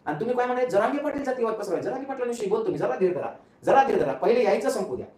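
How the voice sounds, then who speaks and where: A man's voice: very high voice, expressive, very fast, darkish tone. A man rattles off a mocking political rant at breakneck speed, throwing in rhetorical asides again and again. He sits back from the mic, and the room rings around him. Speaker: political commentator. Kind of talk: casual political rant to viewers. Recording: roomy, from a distance off mic.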